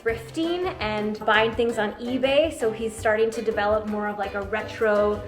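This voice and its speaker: A woman's voice: medium pitch, fairly even intonation, moderate pace, faint music behind. A woman hosting a personal vlog, talking in a casual, chatty way. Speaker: vlog host.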